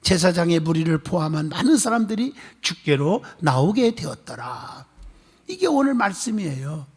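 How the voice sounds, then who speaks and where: A male pastor preaching a sermon, telling a story with animated gusto and calling on the congregation for amens. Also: a little high, normal speed, husky. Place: church sanctuary. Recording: long church hall reverb.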